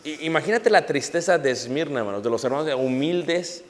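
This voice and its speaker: A man's voice: a little high, animated, brisk. A middle-aged man preaching a sermon, emphatic and repeatedly calling out to the congregation. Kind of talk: Spanish-language sermon. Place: church hall. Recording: long hall reverb.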